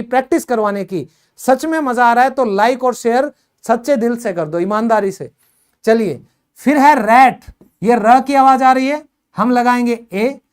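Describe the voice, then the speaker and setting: Woman, English teacher, slightly high voice, unhurried, drills words, prompts for fast answers. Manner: quizzing, urging quick answers; repeats words slowly for drill. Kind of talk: classroom-style video lesson.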